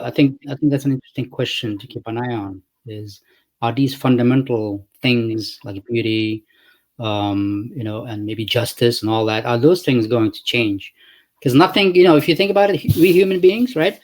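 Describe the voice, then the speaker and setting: A Moroccan company founder hosts a casual interview over a video call, musing aloud in a thoughtful, rambling way and often ending points with "right?". His voice is medium-pitched with a darkish tone.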